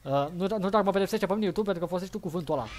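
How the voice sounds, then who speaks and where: A young man with a high voice streams a game live, loudly cheering his own moves and jeering at opponents in quick, excitable bursts. His commentary is casual and full of exclamations, and a faint noise runs beneath it. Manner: loud, excitable, frequent exclamations and playful taunts. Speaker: gaming livestreamer.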